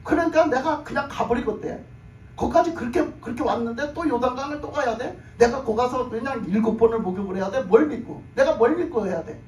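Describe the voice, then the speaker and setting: A man's voice: very high-pitched, quick pace, slight background noise. A man preaching a sermon, retelling a story and acting out its characters' lines, repeating phrases for emphasis. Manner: acts out characters' speech in the story. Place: church sanctuary. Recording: echoey room, mic at a distance.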